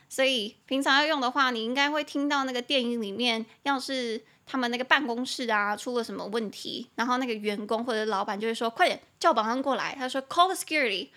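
A woman's voice: fairly high pitch, bright, forceful tone. Chatty Taiwanese woman teaching English words. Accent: Taiwanese Mandarin. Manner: spells words out slowly, chatty asides, laughs at own jokes. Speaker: podcast host teaching English. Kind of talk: casual podcast lesson.

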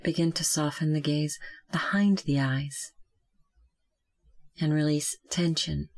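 Calm and gentle, this mid-range voice leads a meditation, offering unhurried, measured guidance with long silences in between.

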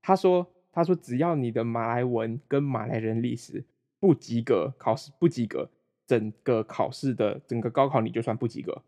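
A man's voice: mid-range voice, normal speed, mellow. A young man from Malaysia chatting casually over a remote call as a guest, rambling with frequent restarts and self-deprecating humor. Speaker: guest, former roommate.

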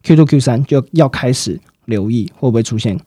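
A man explaining market outlooks in a fast, explanatory way, with frequent fillers and sentence-final particles. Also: medium pitch, dark tone, breathy edge, no echo, clean studio sound. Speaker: market analyst guest. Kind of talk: financial commentary chat.

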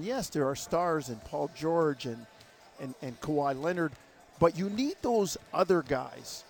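A man co-hosting a sports interview. His voice is a little high, with faint music underneath, and he builds his questions haltingly, leaning on key words and telling small anecdotes. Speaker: sports radio co-host, interviewer.

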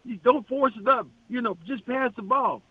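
A man's voice: very high-pitched, moderate pace, husky, no echo, pitched above the performer's own voice. A man putting on an older male ballplayer who urgently tells a teammate to pass, heard over a phone line. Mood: urging.

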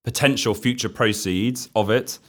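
Man, podcast guest, lower voice, explanatory, conversational. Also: moderate pace. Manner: steady, explanatory, uneven pace.

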